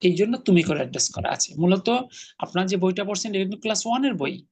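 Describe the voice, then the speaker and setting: A man's voice: sits high, animated, fast, darkish tone, husky. A man teaching an Arabic class online, patiently explaining grammar and correcting his students' pronunciation.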